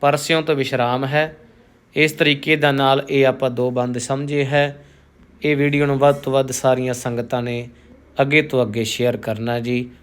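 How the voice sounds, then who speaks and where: A man with a Punjabi accent teaching careful scripture recitation, chanting verses slowly and then explaining how to pronounce each word. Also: medium pitch, level tone, smooth. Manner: measured, deliberate, drawn-out verse recitation with careful enunciation.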